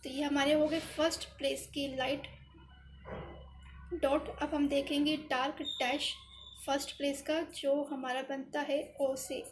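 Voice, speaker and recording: High-voiced woman patiently teaching shorthand. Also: level tone, a little slow, a little hiss or hum. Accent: Indian English words. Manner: repetitive, patient, thinking aloud while writing. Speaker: shorthand tutor. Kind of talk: step-by-step tutorial explanation.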